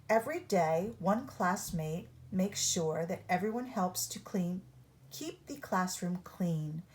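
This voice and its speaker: Her mid-range voice has a darkish tone as she tells a children's picture-book story, choosing measured, instructive phrasing so young listeners can read along.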